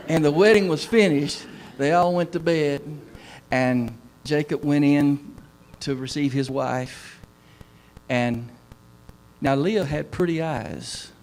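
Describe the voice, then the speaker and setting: A man's voice: a little high, darkish tone. A middle-aged man, preaching a sermon in a folksy, humorous storytelling way. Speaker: pastor.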